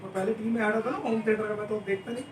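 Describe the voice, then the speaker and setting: A male teacher telling a joking story to his class in an animated way and leading repetition drills. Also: high-pitched, racing. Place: indoor classroom. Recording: echoey room, far from the mic, noisy.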